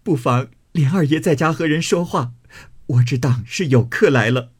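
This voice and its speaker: A man's voice: a little slow, a little mellow. A man voicing a furious, jealous young noblewoman who screams and shrieks. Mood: wailing. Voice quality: shrill screaming.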